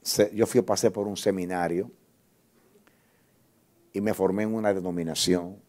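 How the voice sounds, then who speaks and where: A man's voice: low-pitched, steady tone, normal speed, a little mellow. A male guest pastor preaching a sermon, telling an emotional testimony with repeated words and reading scripture aloud with rising force.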